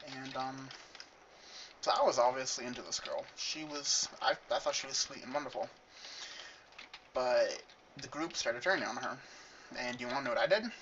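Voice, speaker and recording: Sitting at his gaming computer, a lisping young man with a somewhat bright, medium-pitched voice talks at a moderate pace with long pauses, delivering a rambling, earnest confessional vlog peppered with self-deprecating remarks. His audio is muffled and distant, with light hiss.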